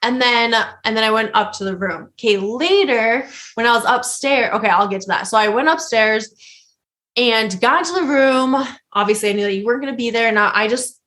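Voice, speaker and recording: A young woman on a casual podcast, spilling a long story in a loose, rambling way. Her voice sits a touch high and she laughs often as she talks, full of restarts and asides. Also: a little fast, fairly bright tone. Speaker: podcast host.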